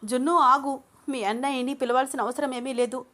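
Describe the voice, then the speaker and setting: Anu is a young woman, hurt and defiant, her voice set high and strained. Her tearful replies turn into loud, angry shouting. A woman narrator voices her in an audio story. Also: steady tone, a little fast. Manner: tearful then shouting angrily.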